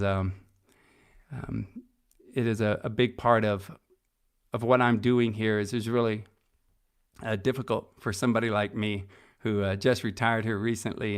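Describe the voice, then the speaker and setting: In a fairly low, clear, resonant voice with a bit of brightness, a middle-aged man promotes his upcoming conference and its sponsors on his podcast. He's the organizer, and his casual, enthusiastic talk is peppered with fillers and restarts.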